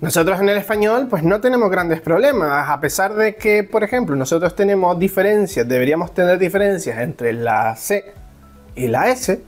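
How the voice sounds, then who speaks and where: A man from Spain, talking casually to camera as a vlogger, animated and jokey with big swings in his voice. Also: moderate pace, soft background music. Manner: animated, with big pitch swings and joking asides. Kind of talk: casual explanatory vlog.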